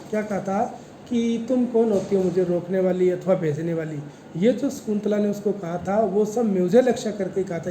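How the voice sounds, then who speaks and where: A man with a very dark, mellow voice teaching classical verse, reciting each phrase slowly before unpacking its meaning in a patient lecture. The room is echoey and carries a faint hiss. His pitch sits in an ordinary middle range. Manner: slow recitation of verse, then Hindi explanation with fillers. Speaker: Sanskrit literature lecturer. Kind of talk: explaining a Sanskrit verse line by line. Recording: roomy echo with faint noise.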